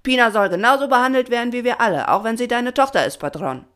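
A woman voicing an indignant piranha from the swarm who speaks up fast and high. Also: lively intonation, a bit bright.

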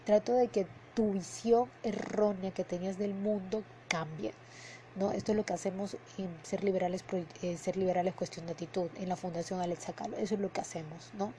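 A woman hosts a podcast in a casual monologue, earnest and heartfelt, often ending her sentences with a questioning "no?". Her voice is mellow and warm, with a faint hiss of noise behind it. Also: mid-range voice, fairly even intonation, brisk, low-quality recording. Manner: earnest, heartfelt, repeats words for emphasis. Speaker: podcast host and emotional coach. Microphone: headphones and podcast mic.

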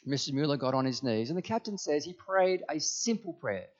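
A man's voice: fairly high pitch, sing-song, a little fast, lo-fi sound. A man preaching a sermon to a congregation in church, emphatic and often asking the listeners questions. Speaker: pastor.

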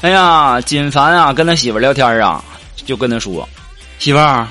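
A man hosting a comedy show, telling short funny stories in an animated way and acting out the voices of the people he quotes. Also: medium pitch, brisk, music in the background. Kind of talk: scripted comic monologue.

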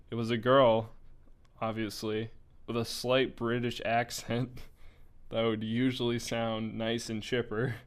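A man's voice: medium pitch, flat delivery, takes it slowly, clear, resonant tone. A young man reading a story aloud in a casual way, stumbling over words now and then and breaking off for asides. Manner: casual, with slips, laughs and asides.

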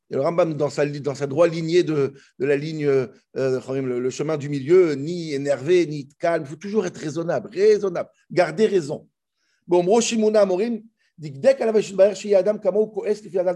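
Male Torah teacher, high and husky, animated and restless delivery. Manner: animated, often restarts and jumps in pitch. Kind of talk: Torah class explaining commentaries.

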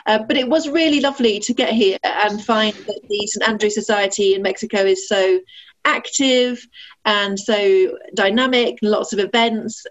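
Heard through muffled, low-quality audio, this Sheffield-born ambassador in her forties chats warmly as an interview guest. Her replies are conversational and full of fillers and false starts, and she laughs readily.

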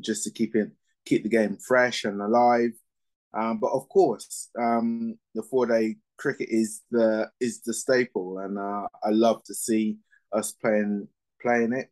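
A man in his fifties who grew up in Barbados, a former cricketer and coach answering interview questions in a measured way with lots of ums. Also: lowish voice, a little mellow, rough recording. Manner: measured, with frequent fillers.

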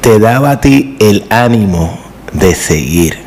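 A man's voice: on the low side, lively intonation, takes it slowly, darkish tone, a little hiss or hum. A man with a Puerto Rican accent hosting a podcast, asking questions and chiming in with sympathetic exclamations. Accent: Puerto Rican Spanish. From Puerto Rico. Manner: supportive interviewer, interjects, exclaims in sympathy. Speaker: podcast host. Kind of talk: casual interview.

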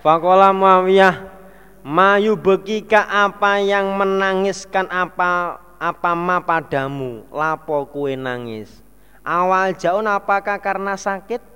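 A man with a Javanese accent reads a classical religious text aloud and translates it phrase by phrase, dropping in playful asides. His voice sits a little high and sounds smooth and resonant, and he takes his time. It rings with the long reverb of a large hall. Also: slow, bright, forceful tone. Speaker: religious teacher.

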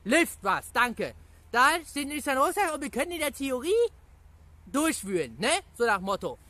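Excitable youtuber rambling at viewers, bright voice, dry close sound. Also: high voice, normal speed, no echo. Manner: rambling, chatty, repeats catchphrases and fillers; excitable, laughs often. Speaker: gaming YouTuber answering viewer questions. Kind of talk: casual video reply to viewers.

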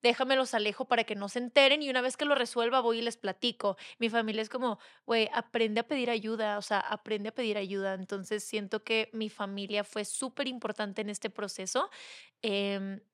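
A woman's voice: fairly high pitch, fairly even intonation, moderate pace, a bit bright, no room sound, clean studio sound. Candid young Mexican woman, podcast guest. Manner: candid, acts out quoted voices of family and friends. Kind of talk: casual chat.

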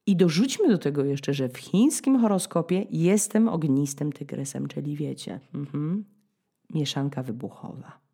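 Dark-voiced woman telling a story. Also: animated, normal speed, gravelly, husky. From Poland. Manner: dramatic, ironic, acts out scenes with sudden high-pitched bursts. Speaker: podcast host. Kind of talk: storytelling monologue.

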